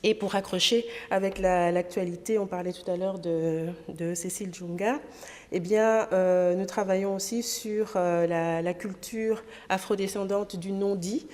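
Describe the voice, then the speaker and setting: A woman originally from Congo, an association president and trainer, gives a pragmatic talk in a parliament conference hall, hesitating often. Her mid-range voice is steady, a little slow and darkish, and the hall adds a long reverb.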